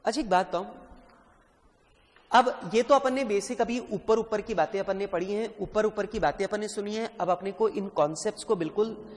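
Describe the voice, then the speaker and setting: A man tutoring accountancy students in a classroom lecture, lively, quizzing the class and addressing them as children. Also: sits high, normal speed, big-room sound. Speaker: CA exam tutor.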